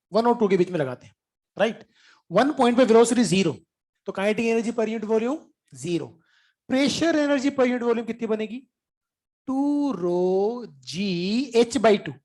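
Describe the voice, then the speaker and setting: A man teaching physics in an informal, chatty lecture, mixing English terms into his speech, clearing his throat now and then, and coaxing the class by checking whether they followed. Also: sits high, darkish tone.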